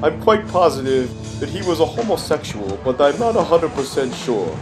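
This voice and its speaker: Grumpy older man, high-pitched and animated. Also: moderate pace. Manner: grumpy old-man complaining, folksy, dry exaggeration. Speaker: comic commentator. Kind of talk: comic narration over festival videos. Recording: music behind the voice.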